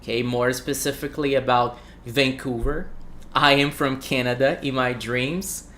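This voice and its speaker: A man's voice: mid-range voice, fairly even intonation, normal speed, fairly bright tone, a little hiss or hum. A man from Brazil with a Brazilian accent, a native Portuguese speaker teaching an English lesson on a livestream, repeating phrases for students to echo.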